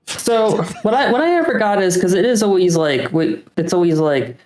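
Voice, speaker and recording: A man co-hosting a podcast, chatting casually in a hesitant, halting way. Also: sits high, animated, darkish tone, slight background noise. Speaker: podcast co-host. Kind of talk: casual chat. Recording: echoey room sound.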